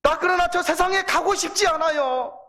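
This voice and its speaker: A man's voice: very high-pitched, normal speed, pushed and bright, pitched above the performer's own voice, exaggerated voice. A preacher voicing a pleading little boy. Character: small boy pleading to stay in heaven.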